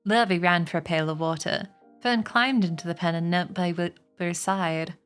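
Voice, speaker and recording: A woman reading a children's novel aloud on a stream, slowing and lifting her voice for the characters' lines. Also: on the low side, steady tone, clear, resonant tone, faint music behind. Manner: slows and lifts her voice for quoted characters.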